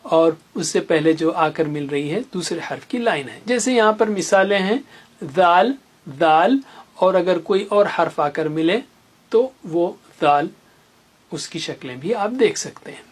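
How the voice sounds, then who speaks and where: Slow, patient Quran reading teacher. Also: mid-range voice, expressive, breathy edge. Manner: patient, repeats each letter sound slowly; teaches with little memory stories. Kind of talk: tajweed lesson for beginners.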